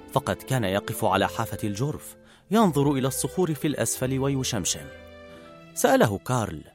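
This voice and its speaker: A man narrating a storybook in an expressive, animated reading. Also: medium pitch.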